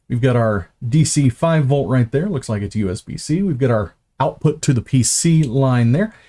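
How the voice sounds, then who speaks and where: Chatty man unboxing gear, mellow tone. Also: medium pitch. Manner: chatty and self-mocking, fumbles and restarts. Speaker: host unboxing gear on a live stream. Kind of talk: casual live-stream unboxing chat.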